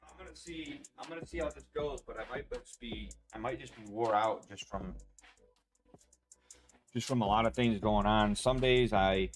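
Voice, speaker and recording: A man chatting casually to his stream viewers, rambling and excitable, full of fillers and restarts. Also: medium pitch, normal speed. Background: faint music.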